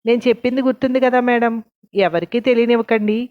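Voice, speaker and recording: A woman's voice: a little high, quick pace, natural voice. A woman reading an encouraging young director. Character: young man, reassuring film director. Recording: dull lo-fi recording.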